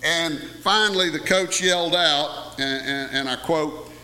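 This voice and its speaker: Folksy preacher in an echoey church. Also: male voice, on the high side, a little slow, bright, forceful tone. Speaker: pastor. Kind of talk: sermon. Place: church sanctuary. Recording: echoey hall with long reverb.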